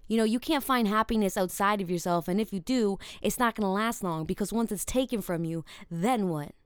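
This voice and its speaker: A woman's voice: medium pitch, fairly quick, smooth, dry recording, clean studio sound. A woman hosting a podcast, talking earnestly about choice and mindset in a rambling, filler-heavy way. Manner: earnest, rambling, many fillers like "you know" and "like". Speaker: podcast host. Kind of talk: reflective self-help talk.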